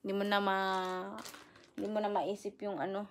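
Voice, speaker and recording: A woman's voice: mid-range voice, completely flat delivery, moderate pace, a little hiss or hum. A young woman vlogging at home as a mother, chatting casually to her phone camera and cooing baby talk to her infant. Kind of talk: casual vlog chat. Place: home indoors.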